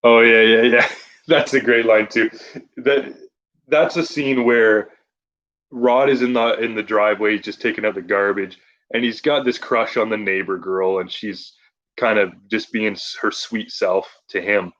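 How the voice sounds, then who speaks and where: A man's voice: fairly low pitch, steady tone, unhurried, fairly bright tone, highs cut off. A man in casual chat recommending movies, who laughs often and rambles with restarts.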